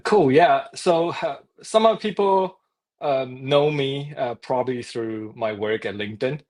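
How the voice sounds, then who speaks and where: A New man with a mid-range voice talks as a livestream guest. He speaks in a halting way, full of ums and uhs, and laughs lightly as he explains. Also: mid-range voice, darkish tone. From New Zealand. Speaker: guest, startup co-founder. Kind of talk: casual interview chat.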